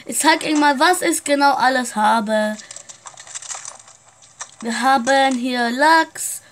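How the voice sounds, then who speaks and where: A woman's voice: high-pitched, slow pace, slight background noise. A woman playing a shopkeeper in a casual game roleplay, chatting straight to her viewers. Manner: chatty, keeps addressing viewers.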